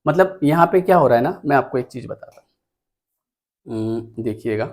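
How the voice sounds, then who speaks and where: A man's voice: a little high, fast, a little mellow. A male teacher giving an exam-prep lecture on poetry meter, explaining step by step and often checking in with the class. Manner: counts items aloud while pointing at the screen.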